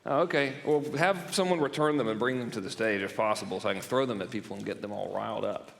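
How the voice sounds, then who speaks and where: A man's voice: fairly low pitch, fast talker, gravelly, long reverb tail. A man presenting at a marketing workshop in a loose, jokey and profane way, laughing at his own gags. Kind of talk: joking seminar talk. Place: event room stage.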